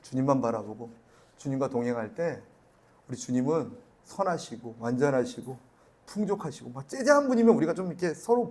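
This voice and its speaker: Man preaching an animated sermon. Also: on the high side, slightly rough. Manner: storytelling, acting out family dialogue with rising emphatic questions. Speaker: pastor.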